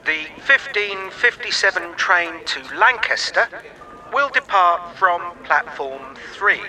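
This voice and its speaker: A man reading formal train station announcements slowly and evenly for a listening exercise. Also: high-pitched, lively intonation, pushed and bright, recorded from a distance, rough recording. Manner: slow, formal, evenly paced.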